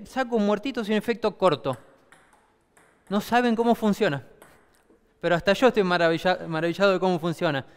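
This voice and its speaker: A man's voice: high voice, clean tone, in a large hall. A man with an Argentine accent teaching a table tennis clinic, explaining with many rhetorical questions. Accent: Argentine Spanish. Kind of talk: demonstration class.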